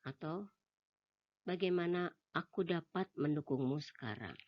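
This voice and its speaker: A woman reading a self-help book aloud in a steady manner, giving voice to the quoted lines of dialogue. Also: lowish voice, measured pace, muffled recording. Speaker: book reader.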